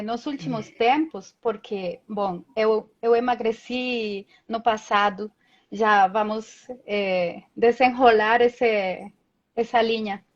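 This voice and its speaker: A Colombian woman in her thirties, a native Spanish speaker, joins a live video call as a guest for a casual chat over lo-fi audio. Her voice is a little high, and she's chatty, telling stories packed with tag questions.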